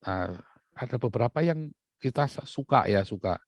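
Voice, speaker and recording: Man preaching with animated storytelling. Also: medium pitch, normal speed, no echo. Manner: animated storytelling, rising loud when recounting fights. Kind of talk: sermon with personal stories.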